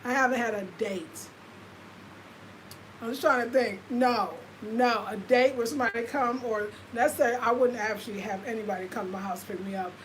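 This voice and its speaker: Against a noisy background, an American woman in her fifties talks to her livestream viewers at a normal speed, her slightly high voice holding a steady tone. The lifestyle vlogger is casual and confiding and uses lots of fillers.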